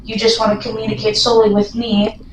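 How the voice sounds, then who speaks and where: A woman with a fairly high voice records a spontaneous paranormal vlog. She sounds excitable and repeats her requests in different words. The room rings around her, with some noise behind. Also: fast talker. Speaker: paranormal investigation vlogger. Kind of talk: spontaneous vlog narration while addressing a spirit with questions. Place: echoey room inside a castle. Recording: roomy echo, some background noise.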